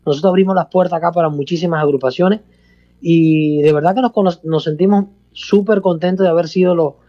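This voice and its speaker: A man's voice: a little high, fairly even intonation, a little fast, warm tone, lo-fi sound. A middle-aged Cuban man with a Cuban accent, talking casually as a guest in an interview, expansive and repetitive. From Cuba. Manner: expansive, repeats himself, calls host "hermano". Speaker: salsa bandleader guest.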